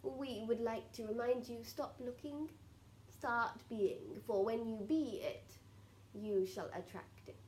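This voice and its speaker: A woman speaking as a seance medium in trance, giving solemn spiritual guidance in halting, repetitive, formally archaic phrases. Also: a little high, darkish tone, a little hiss or hum, rough recording. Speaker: trance channeller answering questions as a spirit collective.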